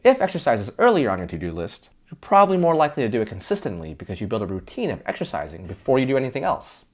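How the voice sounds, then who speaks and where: A man's voice: medium pitch, wildly swooping pitch, racing. A man playing several versions of himself in a scripted, conversational debate, arguing back and forth with himself. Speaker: host of an explainer sketch.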